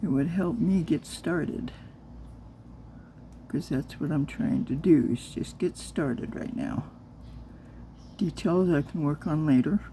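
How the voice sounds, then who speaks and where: A soft-spoken woman chatting her way through a casual crafting vlog. She keeps her voice low and gravelly and mutters to herself as she works. Her delivery is slow and unhurried, with a very dark, mellow tone. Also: slight background noise. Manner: mutters to herself while working with her hands. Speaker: crafter making silicone molds.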